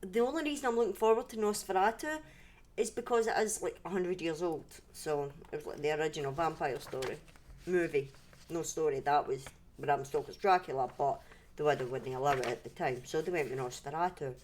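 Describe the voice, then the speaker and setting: A low, darkish woman's voice moving at a fairly quick clip, with slight background noise. She has a Scottish accent and hosts a livestream from indoors at home, telling stories in a casual, rambling, conversational way and often breaking off to restart her sentences.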